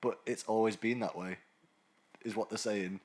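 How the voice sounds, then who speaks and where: A man's voice: fairly low pitch, fairly even intonation, normal speed, a little mellow, slightly rough. A man co-hosting a podcast in casual chat, mocking things sarcastically and swearing freely. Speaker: podcast co-host.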